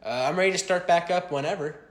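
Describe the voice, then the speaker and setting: A man's voice: high-pitched, fast. A man in casual comedy sketch dialogue, speaking as a card game player. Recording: roomy echo.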